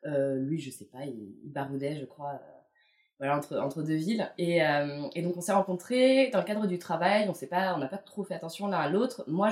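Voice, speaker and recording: A woman's voice: sits low, a little mellow, reverberant. A woman in her late twenties, a guest speaking hesitantly and reflectively with many fillers, at home. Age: late 20s. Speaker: interview guest. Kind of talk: casual chat. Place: couple's apartment.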